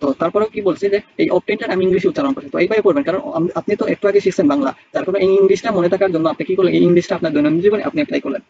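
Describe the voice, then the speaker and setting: A man's voice: high-pitched, rapid-fire, few pauses. A man teaching English grammar to a class, rambling and repeating himself and often checking in with the students. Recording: dull lo-fi sound with faint noise.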